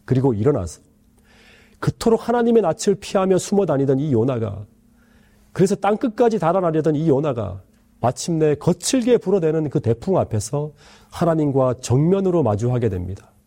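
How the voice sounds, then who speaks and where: A male pastor giving an earnest sermon, pleading with the congregation and letting his sentence endings fall soft and low. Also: sing-song, normal speed.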